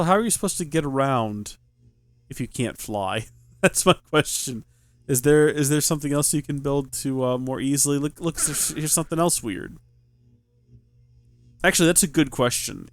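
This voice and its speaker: A young man hosting a Minecraft let's play, thinking aloud and asking question after question in amazed, animated commentary. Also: mid-range voice, no echo. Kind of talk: excited gameplay commentary.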